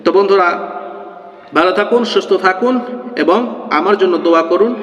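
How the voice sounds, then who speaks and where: A man's voice: high-pitched, fairly quick, a bit bright, echoey room, long reverb tail, highs cut off. A man teaching Quran reading, spelling out syllables letter by letter in a half-chanted way, then encouraging his viewers as friends. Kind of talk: slow spelled-out reading lesson.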